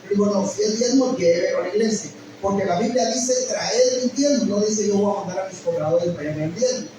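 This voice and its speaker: A man's voice: high voice, fairly quick. A middle-aged man, a pastor, telling an emotional personal testimony in a sermon and often calling listeners "brother". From Guatemala. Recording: echoey hall, mic at a distance, noisy.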